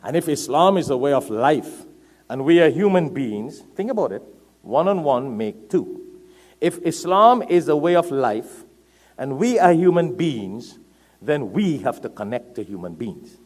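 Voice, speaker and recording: Male preacher from Trinidad, slightly raised pitch; emphatic sermon delivery with repetition, loud peaks, quiet asides, playful jabs at the audience. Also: big pitch swings, unhurried. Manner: swings between loud emphatic peaks and low asides, repeats words for stress; joking, addresses listeners by name. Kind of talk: sermon to a congregation.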